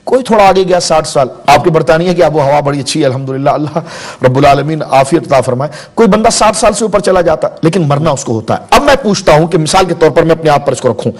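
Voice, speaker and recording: A man in his forties, a religious scholar in a TV studio interview, explaining slowly with everyday examples and stories. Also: on the high side, expressive. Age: 40s. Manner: measured, explains with examples and anecdotes. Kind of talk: studio interview, spiritual teaching.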